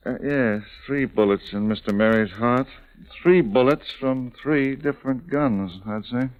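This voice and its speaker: An actor playing a measured, polite, clinical police doctor in a 1940s AM radio detective drama. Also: male voice, mid-range voice, smooth, natural voice. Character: precise, unflappable male police doctor. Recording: muffled 1940s AM radio recording.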